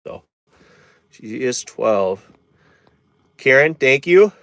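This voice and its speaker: Guy in his 30s rambling on a live stream from his van, dry close sound, middle pitch. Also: very animated, extremely slow, vocal fry, a bit bright, no room sound. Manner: rambling, chatty, reads out viewer comments. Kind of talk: casual live-stream chat. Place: inside a camper van in a winter forest.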